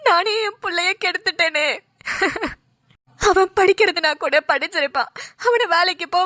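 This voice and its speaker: A woman voicing a dramatic, self-pitying mother-in-law who laments loudly, in cartoon voice acting. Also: very high voice, dry recording, clean studio sound. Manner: lamenting, wailing.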